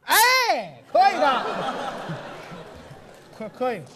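A man performing stage crosstalk comedy as the boastful lead comic who plays dumb and drags out his deadpan lines. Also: extremely high pitch, normal speed, over a noisy crowd, very noisy.

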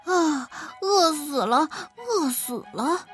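A woman voicing a big hungry bear in a storybook read-aloud, with a drawn-out, moaning delivery. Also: sits high, expressive, over music.

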